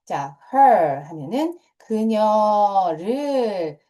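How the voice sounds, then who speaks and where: Her voice sits in the middle range, warm and very animated, though she speaks extremely slowly. This middle-aged teacher patiently walks middle schoolers through English grammar, going over key points again and often starting with "자".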